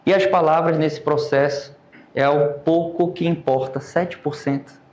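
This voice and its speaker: A Brazilian man teaching an oratory class, lecturing lively and calling on students by name. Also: fairly high pitch, unhurried, reverberant. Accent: Brazilian Portuguese.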